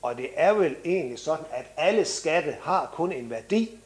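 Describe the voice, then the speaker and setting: A man's voice: a little high, lively intonation, a little mellow. A man speaking at an exhibition opening, reflective, with hesitations, who reads aloud from a children's book. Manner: reflective, with fillers and restarts. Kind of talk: speech with a read-aloud story.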